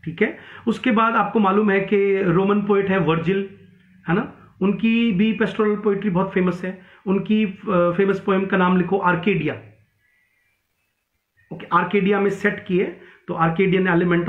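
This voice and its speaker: A high-voiced male teacher lectures for exam preparation, his talk full of fillers and restarts. The sound is thin and phone-like, and the room adds a noticeable echo. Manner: mixes Hindi and English, many fillers and restarts. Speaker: English literature teacher. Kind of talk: online exam-prep lecture. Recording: tinny echoey room sound.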